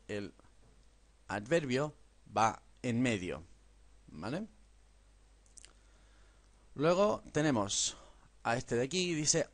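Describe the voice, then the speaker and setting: A male teacher, talking at an unhurried pace. His pitch rises and falls a lot as he explains, and he slows right down to model words for repetition. He often checks in with a little "¿vale?" at the end of a sentence. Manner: models English words slowly for the listener to repeat; tags sentences with a questioning "¿vale?". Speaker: English teacher. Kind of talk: classroom-style lesson explaining grammar.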